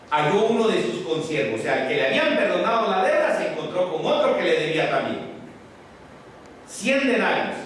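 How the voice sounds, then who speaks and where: A man's voice: sits high, slight background noise. A man preaching a sermon, retelling a parable and putting questions to the congregation. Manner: animated, asks the congregation questions. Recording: very echoey room from far off.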